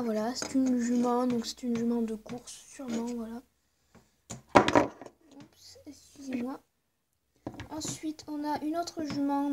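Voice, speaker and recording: A woman's voice: a little high, noisy background. A woman vlogging casually as she shows her collection, hesitant, with many fillers and asides. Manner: hesitant, full of "euh" and "voilà" fillers. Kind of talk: casual show-and-tell vlog.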